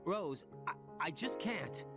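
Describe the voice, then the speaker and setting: An actor playing a guarded, evasive young male soldier, defensive and halting, in a dramatic video game. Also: fairly high pitch, expressive, vocal fry, full character voice. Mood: defensive, uneasy. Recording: loud music behind the voice.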